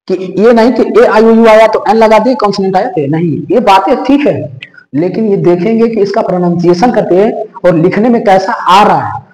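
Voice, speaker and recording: A man's voice: a little high, a little mellow, echoey room, low-quality recording. A man teaching an English grammar lesson, repeating points and checking in with the listeners often.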